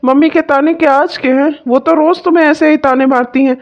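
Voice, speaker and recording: An actor voices a caring young husband in a cartoon. His voice is fairly high and warm in manner, coaxing and reassuring. The recording sounds dull and muffled. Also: steady tone, a little fast. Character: kind, soothing young husband. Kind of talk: cartoon voice acting.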